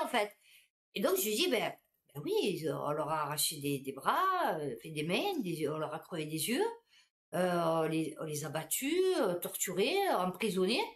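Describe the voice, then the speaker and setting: A woman, a supermarket cashier, telling anecdotes in a casual, animated monologue. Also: mid-range voice.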